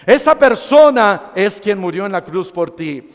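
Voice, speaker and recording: A man's voice: sits high, very animated, unhurried, big-room sound. A man preaching a sermon as pastor, acting out short dialogues with dramatic shifts.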